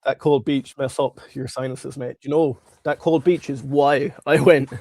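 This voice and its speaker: Male livestream host, chatty market commentary, congested swollen-tonsils voice with gravelly fry, dry sound. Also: mid-range voice, steady tone, measured pace, a little mellow, no echo. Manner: informal, chatty, addressing viewers. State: congested, strained throat from tonsillitis and a cold. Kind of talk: casual live stock market commentary.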